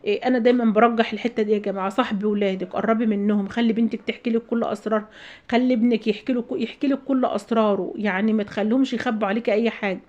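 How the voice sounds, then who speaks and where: A woman in her thirties with an Egyptian Arabic accent rattles through a home vlog, venting and handing out advice. Her voice sits a little high and her words tumble out very fast. The recording is dull and lo-fi. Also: steady tone, a little mellow. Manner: rapid chatty venting with advice. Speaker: vlogger, mother. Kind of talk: casual storytelling to viewers.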